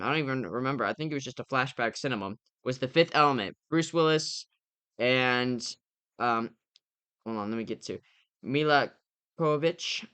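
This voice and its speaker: Bright, crisp young male podcast co-host. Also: mid-range voice, no room sound. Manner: rambling, opinionated, frequent fillers. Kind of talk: casual movie review chat.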